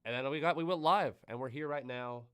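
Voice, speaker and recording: A man of ordinary pitch hosts a live stream. He talks with excitable energy, his pitch and loudness swinging widely, and he sounds a little out of breath. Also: fairly quick, smooth. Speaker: livestream host.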